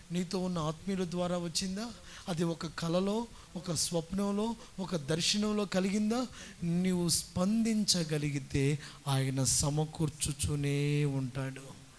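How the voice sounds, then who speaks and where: A man pastor preaching a sermon, telling stories and building up to loud, forceful exhortation. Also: sits high, slight background noise. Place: church worship service.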